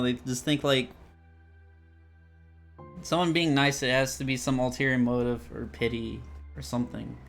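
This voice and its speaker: A man streaming a visual novel, narrating its text and chatting casually, with jokes and loud outbursts. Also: medium pitch, vocal fry.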